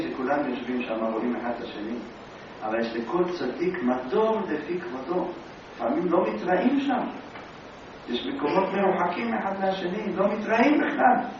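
A man teaching a religious lesson, telling his story with animated, dramatic flair and a slightly high voice. He sounds far from the mic in a very echoey hall. The recording is dull and lo-fi, with a faint low rumble underneath. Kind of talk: storytelling sermon.

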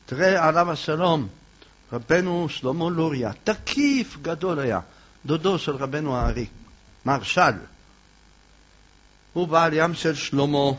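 A man teaching a religious lesson as an animated storyteller, asking questions and speaking straight to his listeners. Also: fairly high pitch. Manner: animated storyteller who asks questions and addresses listeners directly. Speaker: rabbi teaching a Torah lesson. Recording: dull lo-fi recording.

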